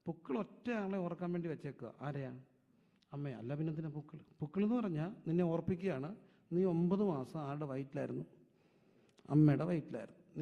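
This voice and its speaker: A pastor with a Malayali accent preaching a sermon. He asks rhetorical questions, answers them himself, and swells suddenly into loud, emphatic lines. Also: fairly high pitch. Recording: dull, echoey hall sound.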